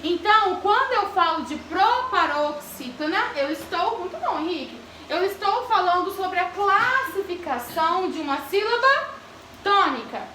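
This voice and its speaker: High, bright-voiced woman teaching a class. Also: animated, moderate pace, slight background noise. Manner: addresses pupils by name, asks the class questions. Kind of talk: classroom grammar lesson. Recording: echoey classroom from far off.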